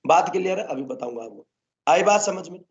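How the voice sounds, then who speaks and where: A man's voice: high-pitched, expressive, brisk, muffled recording. A male botany teacher lecturing a class, constantly coaxing the students to answer his questions.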